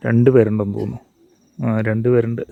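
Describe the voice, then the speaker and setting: A man's voice: medium pitch, flat delivery, quick pace, vocal fry, dry recording, narrow, tinny audio. A man gives casual outdoor vlog commentary, mixing English words into his Malayalam as he narrates what he is doing. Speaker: travel vlogger. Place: outdoors at a hilltop viewpoint before and at dawn.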